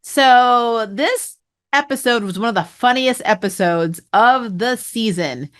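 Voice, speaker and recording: A TV review host gives a casual spoiler rundown of an episode in a slightly high, animated voice. She's chatty and amused, laughing often and filling pauses with "um" and "you know."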